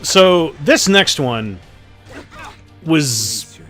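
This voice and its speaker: A man's voice: a little high, very animated, extremely slow, a bit bright, soft background music. Profane, offhand male gaming commentator. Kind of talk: casual game commentary voice-over.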